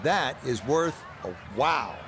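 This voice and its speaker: A man's voice: medium pitch, lively intonation, noisy background. Man doing live golf commentary. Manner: measured, descriptive golf announcer delivery. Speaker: golf commentator, lead announcer.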